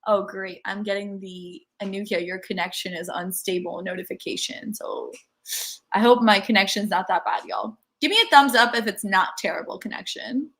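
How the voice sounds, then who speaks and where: A woman's voice: medium pitch, normal speed, a bit bright. A young woman from India whose first language is Telugu, hosting a livestream workshop in a chatty, upbeat way and reading the chat aloud.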